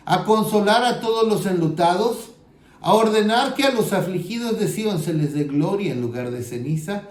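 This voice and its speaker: A man with a Mexican Spanish accent preaching an earnest sermon as pastor, reading scripture aloud and slowing down for emphasis. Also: high voice, a little mellow, echoey room.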